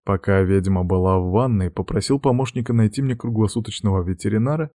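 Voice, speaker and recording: Low, dark-voiced male audiobook narrator. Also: fast, dry recording, clean studio sound. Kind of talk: first-person fiction narration.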